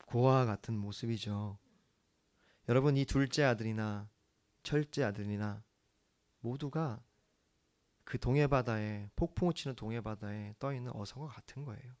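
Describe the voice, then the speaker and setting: A man preaching a sermon as the church's pastor, earnest, swinging from hushed lines to emphatic ones. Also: medium pitch, normal speed, long pauses.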